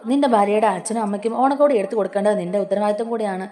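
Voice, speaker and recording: A woman's voice: mid-range voice, rapid-fire, mellow, lightly acted. A woman voicing a stern scolding mother. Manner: scolding, commanding. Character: stern middle-aged mother defending daughter-in-law.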